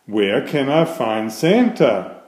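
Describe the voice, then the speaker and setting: A man's voice: medium pitch, big pitch swings, takes it slowly, a little mellow, reverberant. A man voicing an anxious young male turkey in a read-aloud storybook, plaintive and fretful.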